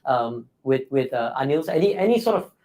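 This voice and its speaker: An encouraging male host leads a live leadership interview at a mid pitch. He affirms his guest's points warmly and reads viewer comments aloud, with plenty of fillers. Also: big pitch swings, brisk, rough recording.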